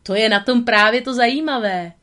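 A woman reading a storybook aloud and voicing a carefree, cocky young male stray dog in a playful, teasing tone. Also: natural voice. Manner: playful, teasing, louder and higher than her narration. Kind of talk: storybook narration.

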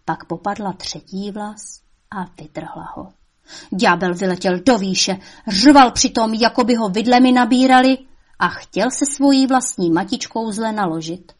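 A woman narrating a fairy tale in a lively, expressive storytelling manner. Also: mid-range voice.

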